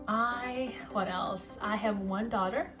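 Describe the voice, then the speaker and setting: A woman in her twenties from South Africa, introducing herself to the camera in a rambling, self-conscious vlog with lots of ums and pauses, recorded on a phone. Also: mid-range voice, fairly even intonation, over music. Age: 20s. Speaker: vlogger.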